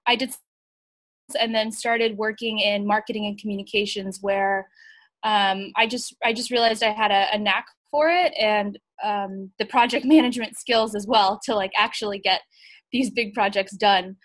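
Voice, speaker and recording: A woman's voice: medium pitch, steady tone, moderate pace, fairly bright tone, no room sound. A woman from Bulgaria, a writer and coach, talking as a podcast guest in a thoughtful, hesitant way with many fillers. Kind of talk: casual interview.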